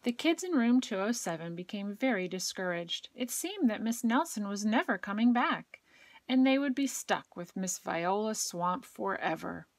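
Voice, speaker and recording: A woman with a gentle, expressive storytelling manner, reading a children's picture book aloud. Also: medium pitch, normal speed, no echo. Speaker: educator and child care provider reading aloud.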